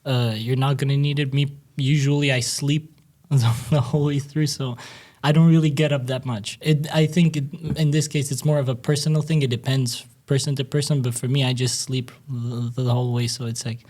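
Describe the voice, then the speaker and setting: A young man from Albania talking casually in a student discussion, relaxed and rambling, laughing now and then. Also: medium pitch, fairly quick, hardly any pauses. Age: young adult. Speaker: student panelist.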